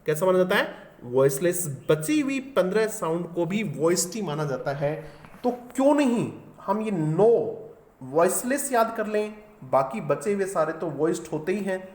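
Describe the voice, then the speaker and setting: A man's voice: high voice, sing-song, moderate pace, darkish tone. A man teaching an exam-solution lesson, explaining step by step and often asking the class questions.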